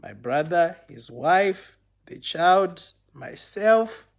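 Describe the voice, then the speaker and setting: Man telling a story, slightly high voice. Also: extremely slow, creaky. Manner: animated, acts out dialogue in retelling; many "you know" and "okay" fillers. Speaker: storyteller speaking to viewers. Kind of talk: casual spoken storytelling.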